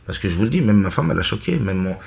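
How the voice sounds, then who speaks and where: A man's voice: lowish voice, very animated, rapid-fire, vocal fry, darkish tone. A middle-aged man from France giving a blunt, rambling monologue with many asides. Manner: blunt, conversational, full of asides and restarts. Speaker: online religious commentator. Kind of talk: casual monologue.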